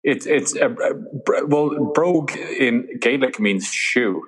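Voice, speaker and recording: A man's voice: medium pitch, slow pace, husky, low-quality recording. An Irish man, a comedian and guest on a casual call, who is self-deprecating and often stammers and restarts his sentences. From Ireland. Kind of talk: casual phone chat.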